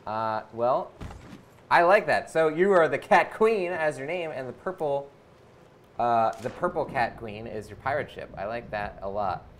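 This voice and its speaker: Man, game stream host, casual chatty delivery, reads comments aloud, mid pitch. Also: lively intonation, measured pace, slight background noise. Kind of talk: live gameplay commentary and chat reading.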